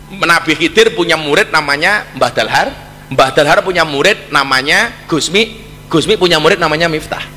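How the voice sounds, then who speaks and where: A man's voice: high voice, slight background noise. A man with a Javanese accent preaching a sermon, telling stories with jokes and slipping into Javanese. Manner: joking, lively storytelling, slips into Javanese. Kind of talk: sermon with humorous storytelling. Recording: hall reverb.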